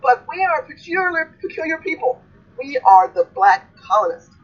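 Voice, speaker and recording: A woman's voice: high voice, big pitch swings, normal speed. A woman hosting a livestream, lecturing her audience in an emphatic, repetitive, preaching style. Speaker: livestream host. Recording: dull lo-fi stream audio.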